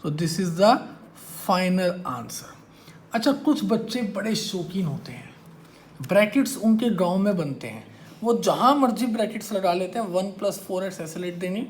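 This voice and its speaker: A man's voice: high voice, expressive, normal speed, slight background noise. A male maths teacher lecturing a class, teasing and quizzing his students as he goes.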